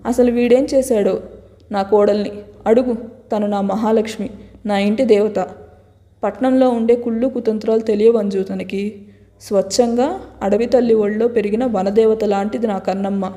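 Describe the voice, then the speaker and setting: A woman voicing a stern, grieving father in a wheelchair, who speaks in a loud, reproachful way. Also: steady tone, moderate pace, lightly acted. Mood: angry reproach. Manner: booming, reproachful. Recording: long hall reverb.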